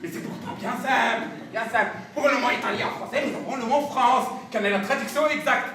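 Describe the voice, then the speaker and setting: An actor playing a pompous, irascible, domineering professor in an absurdist stage play, with insistent, emphatic delivery. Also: male voice, very high voice, brisk, bright, forceful tone. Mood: pompous, lecturing. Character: domineering, irascible, pedantic male professor who turns murderous. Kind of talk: absurdist theatre acting. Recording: very echoey room, distant microphone.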